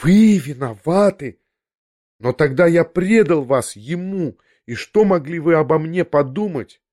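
A man's voice: a little high, animated, unhurried, darkish tone, dry recording, studio quality, voice pushed up. A man reading an audiobook, voicing a flustered, earnest young man who blurts his questions out. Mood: astonished. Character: awkward, impetuous young man, stunned and earnest.

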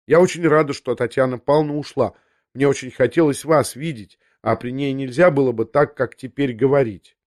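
A man's voice: medium pitch, fairly quick, darkish tone, natural voice. A man voicing an agitated, tearful noblewoman. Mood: confiding. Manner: breathless, restless, half talking to herself. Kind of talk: audiobook character voice.

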